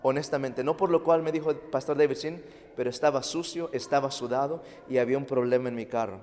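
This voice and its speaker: Animated man preaching in echoey hall. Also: medium pitch, fast. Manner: animated, acts out quotes, addresses youth. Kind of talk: storytelling sermon.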